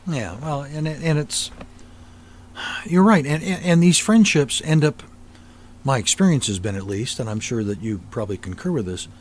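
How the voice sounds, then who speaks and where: A man hosting a podcast interview, speaking in a measured way with frequent small restarts. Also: medium pitch, animated. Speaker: podcast host. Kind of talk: interview conversation.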